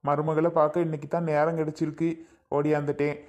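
A fond, coaxing elder brother from a cartoon, voiced by a woman. The voice sits low for a woman and slips into gentle baby talk. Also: little pitch movement, fast talker, lightly acted. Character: caring adult man, a doting elder brother. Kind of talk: cartoon voice acting.

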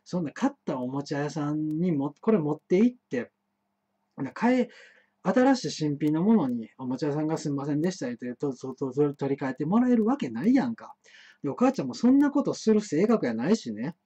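A man's voice: a little high, big pitch swings, brisk, mellow, husky. A man with a Kansai accent telling a rambling childhood story, full of stammered restarts and fillers. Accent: Kansai Japanese. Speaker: host of an internet talk show. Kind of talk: rambling solo monologue, storytelling. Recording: muffled live-stream audio.

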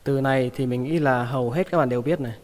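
A man teaching English vocabulary, repeating each word slowly and patiently. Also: medium pitch, darkish tone, big-room sound. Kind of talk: vocabulary lesson.

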